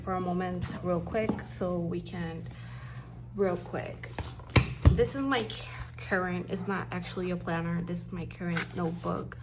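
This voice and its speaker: Over a noisy background, a Puerto Rican woman with a lowish voice and matching accent chats casually in a home vlog about planners. She's a stay-at-home mom and planner vlogger who rambles a bit and keeps self-correcting.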